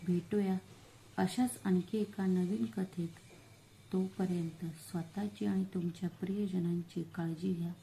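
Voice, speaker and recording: A woman narrating a scripted family drama story as a channel storyteller, reading in a slow, deliberate, dramatic way. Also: on the low side, steady tone, gravelly, warm tone, a little hiss or hum, rough recording.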